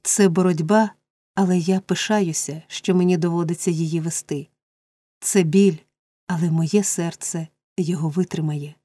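A gentle young woman holds firm through tears, as a woman reads her. The voice is mellow and low. The sound is dry and close, like an audiobook recording. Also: fairly even intonation, moderate pace, dry recording, lightly acted. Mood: resolute. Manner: firm yet emotional. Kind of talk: audiobook character reading.

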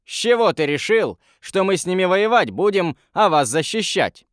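An anxious fisherman calling out urgently, raised and strained, as a male narrator plays him. The pitch is pushed well above the narrator's own. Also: big pitch swings, moderate pace, clear, resonant tone, no echo, clean studio sound.

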